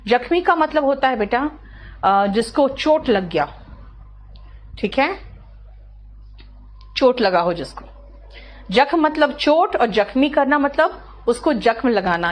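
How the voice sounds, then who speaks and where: High-pitched lady teacher, slow and patient, keeps asking "clear?". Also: a little hiss or hum. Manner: explains slowly, checks often with "clear?" and "है ना"; addresses students by name. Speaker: English teacher. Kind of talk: online class lecture.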